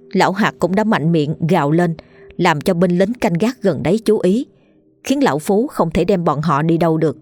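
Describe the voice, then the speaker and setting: A woman reading a ghost story aloud in a steady storytelling voice. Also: on the low side. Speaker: narrator. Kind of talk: scripted ghost story narration. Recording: faint background music.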